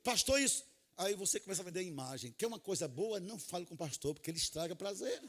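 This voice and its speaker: A man preaching to a conference of pastors, animated and humorous, dropping to soft, low asides and then rising to loud, shouted calls. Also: very fast. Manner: animated, humorous, plays out little scenes. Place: large conference hall.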